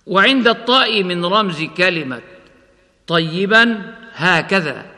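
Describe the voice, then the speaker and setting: A man teaching recitation rules. He explains each rule and then chants the example words slowly and melodically. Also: high-pitched, lively intonation, pushed and bright, in a large hall. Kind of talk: tajweed lesson with recited examples.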